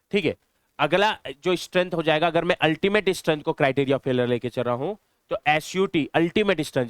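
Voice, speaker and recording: Fast, clear-voiced man teaching. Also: on the high side, no room sound. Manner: explains step by step, answers his own questions; mixes English terms into Hindi. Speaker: engineering teacher. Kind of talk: classroom lecture.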